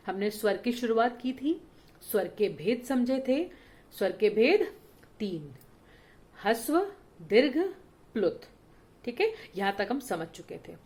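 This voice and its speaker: A woman's voice: medium pitch, a little mellow. A woman teacher giving a grammar lesson to children, speaking patiently, checking often that they follow, and drawing out example words to show their sound. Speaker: school teacher.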